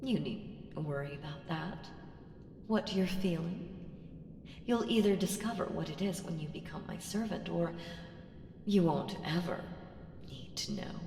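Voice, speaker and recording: In an ASMR audio roleplay, a woman voices an ancient evil entity, her lowish, mellow tone coaxing and condescending, commanding and seductive. She speaks deliberately, slipping into whispers, with a knowing, possessive air. The recording has a long, roomy reverb and clearly audible background noise.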